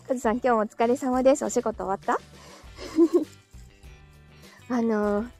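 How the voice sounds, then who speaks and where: A woman's voice: a little high, slow pace, dark tone, soft background music. Chatty woman live-streaming, laughing often. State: dry throat. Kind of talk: casual live chat reading comments.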